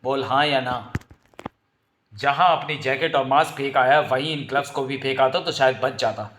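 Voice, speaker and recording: A man voicing a grim, merciless vigilante, speaking in low, slow threats. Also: fairly bright tone, slight background noise, lightly acted. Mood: menacing. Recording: roomy echo.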